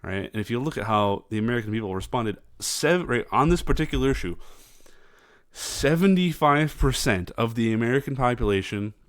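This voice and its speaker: A man hosting casual political commentary, talking in a halting way with many fillers and restarts. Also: mid-range voice, animated, no room sound, studio quality.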